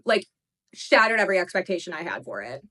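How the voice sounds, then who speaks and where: A young woman in her twenties gushing over books in a casual reading vlog, talking quickly and full of "like" fillers. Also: fairly low pitch, sing-song, sharp tone. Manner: gushing, fast, lots of "like" fillers. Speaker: book reviewer. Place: her apartment, indoors.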